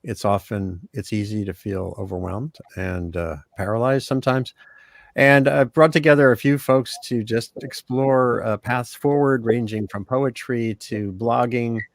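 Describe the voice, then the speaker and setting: A man's voice: medium pitch, fairly even intonation, unhurried, gravelly, dry recording. An older man hosting an online panel over a video call, talking casually and hesitantly with many fillers and restarts. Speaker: host.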